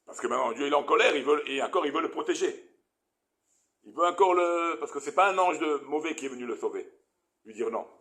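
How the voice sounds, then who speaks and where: A male rabbi gives an animated Torah lesson, questioning his listeners as he explains Hebrew terms. His voice is bright and forceful. It sits a little high for a man.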